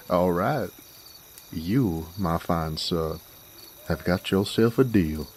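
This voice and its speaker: A man playing a genial, smooth-talking cowboy drifter with an American Western drawl, courteous and wordy in an audio roleplay. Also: sits low, darkish tone, a little hiss or hum, exaggerated voice. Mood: amiable, teasing. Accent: American Southern/Western drawl. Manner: folksy, courteous, wordy, unhurried. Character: smooth-talking male werewolf bounty hunter drifter, genial Western wanderer. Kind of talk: Western audio roleplay, acted monologue to listener.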